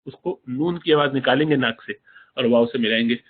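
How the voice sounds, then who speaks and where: Man teaching recitation over tinny audio. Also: mid-range voice. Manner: drawn-out demonstrative recitation of examples. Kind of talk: tajweed lesson with recited examples.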